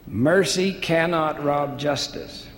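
A man's voice: on the high side, slow, fairly bright tone. A man reading a stern unbending creditor. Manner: firm, unbending. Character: stern male creditor demanding justice. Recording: echoey hall with faint hiss.

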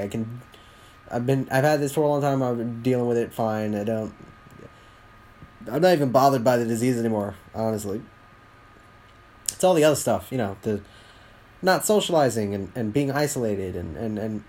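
A young man talks through a solo podcast monologue. His delivery is candid and rambling, full of halting restarts. His pitch sits in the ordinary middle range for a man. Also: a little mellow. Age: 20s. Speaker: podcast host.

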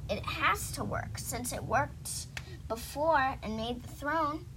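A woman reading a storybook aloud, voicing an excited young boy who asks questions with eager wonder. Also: sits high, slow pace, slight background noise, rough recording. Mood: insistent.

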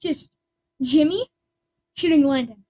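A podcast co-host chatting casually and cutting in with deadpan teasing quips. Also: high voice, slow, poor audio. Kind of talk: casual chat.

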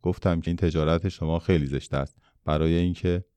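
A man voicing a gentle, curious boy in a storybook reading, speaking in an earnest, questioning way. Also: low-pitched, fairly even intonation, clear, resonant tone, no room sound, natural voice. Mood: indignant.

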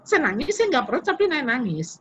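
A woman's voice: sits high, sing-song, quick pace, a bit bright, slightly rough. A woman in her fifties giving a casual sermon to young people, telling personal stories and mixing slang with English words. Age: 50s. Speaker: preacher speaking to young people.

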